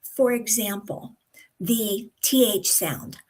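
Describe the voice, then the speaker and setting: An American woman coaching pronunciation, speaking deliberately and drawing out example words with careful articulation. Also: medium pitch, darkish tone, low-quality recording. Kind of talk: instructional talk to camera.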